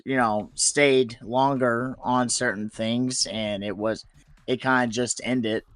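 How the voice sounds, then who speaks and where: A man co-hosting a podcast in casual chat, speaking haltingly with restarts and laughs. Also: mid-range voice, steady tone, fairly bright tone, dry recording. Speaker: podcast co-host.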